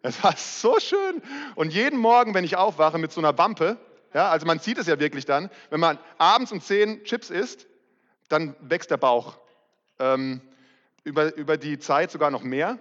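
A man's voice: a little high, normal speed, a bit bright. A middle-aged man preaching a sermon as pastor, candid and self-mocking in a conversational way. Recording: muffled, reverberant hall recording.

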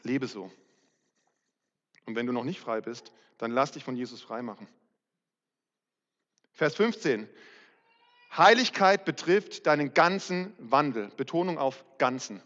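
A man's voice: mid-range voice, measured pace, long pauses. A middle-aged man preaching a sermon as pastor, candid and self-mocking in a conversational way. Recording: muffled, reverberant hall recording.

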